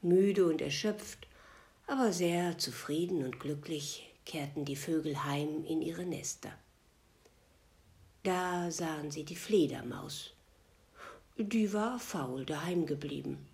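A woman tells an old fable in a slow, hushed manner, often slipping into a whisper. Her voice sits on the low side and she takes her time. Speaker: storyteller. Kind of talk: fable storytelling, partly whispered.

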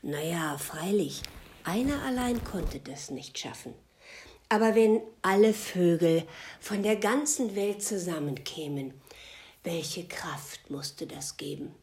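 A woman tells an old fable in a slow, hushed manner, often slipping into a whisper. Her voice sits on the low side and she takes her time. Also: animated. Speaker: storyteller. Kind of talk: fable storytelling, partly whispered.

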